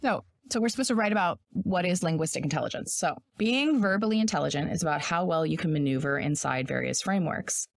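A woman in her thirties with a raspy sore throat, co-hosting a podcast and bluntly reading her essay aloud, swearing freely. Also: on the low side, expressive, dry recording. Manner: profane, blunt, reads quickly. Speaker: podcast co-host.

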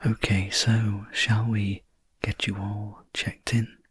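A very breathy, whispered role-play by a man in the manner of a sleep story narrator. He is a calm, reassuring spacecraft sleep technician who speaks slowly and gently, low and close in a dry space. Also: no echo, full character voice. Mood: soothing, attentive.

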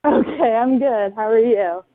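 A woman's voice: a little high, measured pace. Female caller, phone-line audio, thin and narrow, polite short answers. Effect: heard over a phone line.

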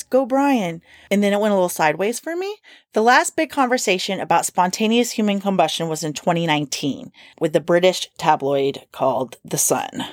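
A woman with a lowish voice co-hosts a casual podcast, recounting a strange true-crime case with playful swearing and quotes read aloud. The studio recording is clean, with no echo.

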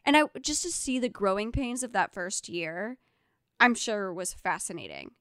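A woman's voice: mid-range voice, animated, moderate pace, a bit bright, clean tone, no echo, studio quality. A woman hosting a podcast in a casual, enthusiastic, gushing style. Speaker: podcast host.

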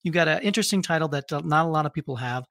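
Guy hosting a podcast, bit higher voice, really dry close sound. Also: rapid-fire, a bit bright, no room sound. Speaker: podcast host. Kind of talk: scripted podcast intro and interview questions.

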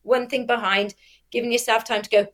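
A woman's voice: a little high, steady tone, a little fast, a bit bright. A woman who says w for r, chatting casually in an interview and explaining things with examples and self-corrections. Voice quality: cannot pronounce R well, says w for r. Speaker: athlete and youth sports coach.

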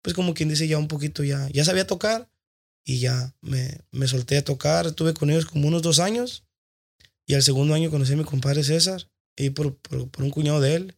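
A man with a Mexican accent, a band singer, telling stories in a relaxed, rambling chat full of slang. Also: on the high side, a little fast, creaky, breathy edge. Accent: Mexican Spanish. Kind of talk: casual chat.

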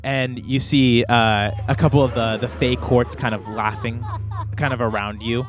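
A man hosting and narrating a tabletop game podcast in an informal, halting, improvised way. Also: medium pitch, fairly even intonation, faint music behind. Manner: halting, filler-heavy, informal. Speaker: game master and podcast host.

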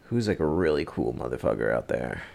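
A man's voice: a bass voice, sing-song, fairly quick, creaky, darkish tone. A young man co-hosting a podcast, chatting casually in a crude, joking way and laughing often. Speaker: podcast co-host. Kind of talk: casual chat.

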